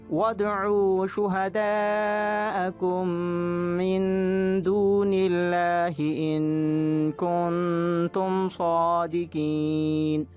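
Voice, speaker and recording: A man teaching Quran recitation rules step by step, patient and repetitive in his explaining. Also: on the high side.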